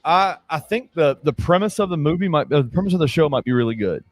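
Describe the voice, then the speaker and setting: A man's voice: on the high side, lively intonation, dry recording, faint music behind. A man in his forties co-hosting a casual podcast, ranting in a dry, contrarian way. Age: 40s. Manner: dry and contrarian, with deliberate rants. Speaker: podcast co-host. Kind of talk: casual sports and pop culture chat.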